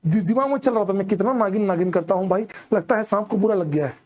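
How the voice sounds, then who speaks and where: Animated young man telling a story. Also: high-pitched, quick pace. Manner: animated, keeps checking the audience follows. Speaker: stand-up comedian. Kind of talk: storytelling comedy.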